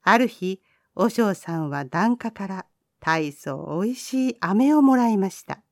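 A woman reading a children's folk tale aloud, gentle and expressive. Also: mid-range voice, takes it slowly, dry recording, studio quality. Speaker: storyteller.

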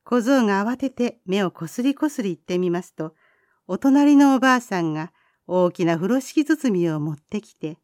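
A woman reading a children's folk tale aloud, gentle and expressive. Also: mid-range voice, normal speed, no echo, clean studio sound. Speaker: storyteller.

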